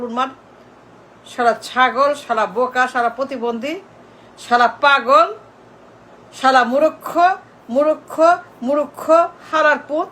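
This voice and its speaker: A woman's voice: high voice, a bit bright, poor audio. A woman, ranting in a video and heaping repeated insults and warnings on one person. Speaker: video commentator. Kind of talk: angry scolding rant to camera.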